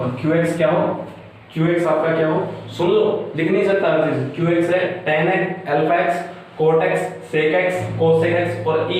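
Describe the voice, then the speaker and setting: A man's voice: a little high, a little mellow, recorded from a distance. A young man teaching a math lesson at a board, working through each step and often checking with his listeners. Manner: explains step by step, repeatedly checks with "है ना". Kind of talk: whiteboard math lecture. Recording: very echoey room, off-mic, faint hiss.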